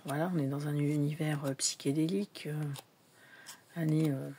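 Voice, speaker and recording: A woman's voice: deep voice, steady tone, moderate pace, mellow, a little hiss or hum. Chatty woman showing tarot decks. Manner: chatty, hesitant, many fillers, drops to whispers at times. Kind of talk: casual show-and-tell vlog.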